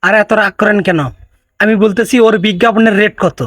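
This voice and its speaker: A man's voice: high-pitched, fairly even intonation, brisk, fairly bright tone, no room sound, studio quality. A man hosting a comedic roast video, teasing and sarcastic in tone. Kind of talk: mocking comedic roast narration.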